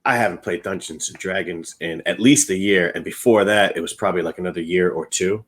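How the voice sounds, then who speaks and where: A man's voice: deep voice, brisk, poor audio. A man co-hosting a casual board game podcast, easygoing and joking. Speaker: podcast co-host. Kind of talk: casual chat.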